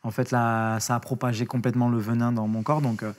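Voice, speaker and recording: A man appears as an interview guest, telling a story casually and with energy, full of slang, swearing and frequent restarts. His voice is medium-pitched and brisk.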